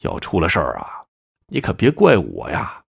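A man's voice: deep voice, huge pitch swings, normal speed, creaky, husky, exaggerated voice. A man voicing a stern, taciturn elder brother who speaks curtly, in a spoken story. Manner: curt, stern.

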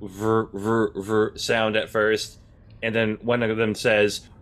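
A man narrating a tabletop role-playing game as game master, relaxed and full of fillers. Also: lowish voice, slow.

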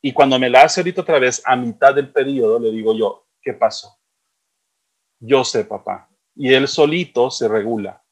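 A man's voice: medium pitch, brisk, few pauses. A middle-aged man, telling stories in a casual chat and repeating words for emphasis. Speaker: co-host.

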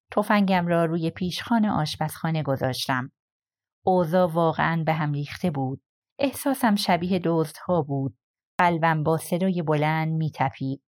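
A woman reading a crime novel aloud as an audiobook, with measured, steady storytelling. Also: fairly low pitch. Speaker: audiobook narrator. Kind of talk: scripted narration.

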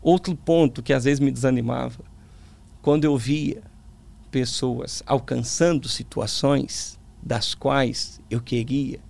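Lisping Brazilian man with a creaky voice. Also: medium pitch, takes it slowly, a little mellow. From Brazil, small town in the interior. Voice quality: tongue-tied lisp, slurred sibilants. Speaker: preacher, interview guest. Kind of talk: conversational religious testimony.

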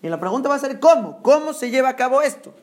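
Emphatic high-voiced man preaching. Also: lively intonation, fast talker. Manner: emphatic, rhetorical questions, mixes Hebrew terms. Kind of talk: Torah sermon.

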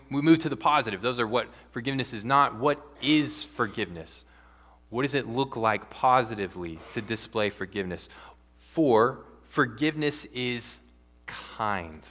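A man preaching a sermon as pastor, earnest and measured, with occasional restarts. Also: medium pitch, a bit bright. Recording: long hall reverb.

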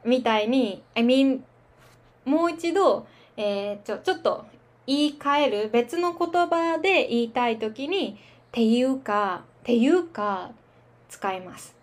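A woman teaching Japanese filler words in a relaxed, chatty podcast lesson, laughing at her own fillers. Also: a little high, slow. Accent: standard Japanese. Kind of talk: slow casual language lesson.

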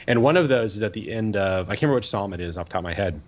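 A man's voice: lowish voice, animated, rapid-fire, muffled recording. A man co-hosting a podcast, a priest talking casually and rambling with many fillers and restarts.

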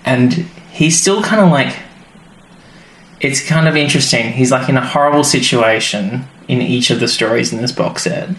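A podcast co-host chats casually and rambles with many fillers, his medium-pitched voice a bit bright and his pace moderate. The recording sounds roomy with faint noise.

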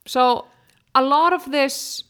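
A woman's voice: high voice, takes it slowly, fairly bright tone. A woman from Iceland, chatting bluntly and opinionatedly. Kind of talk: casual chat.

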